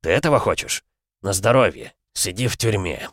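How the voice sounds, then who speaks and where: A man voicing a cynical middle-aged police chief who scolds sternly and coaxes with false gentleness. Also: lowish voice, lively intonation, normal speed, no room sound, studio quality.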